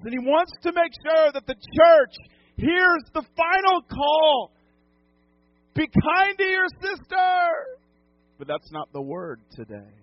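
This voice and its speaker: A New England pastor with a high-pitched voice delivers an emphatic sermon, repeating phrases and putting questions directly to his congregation. The audio is dull and lo-fi, as if captured in a church sanctuary.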